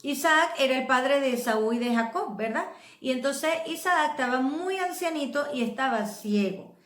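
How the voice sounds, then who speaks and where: Venezuelan lady preacher, kinda high voice, teaching a sermon, asks the crowd if they follow. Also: lively intonation, moderate pace, a bit bright, echoey room. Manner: teaching, checks in with listeners. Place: church.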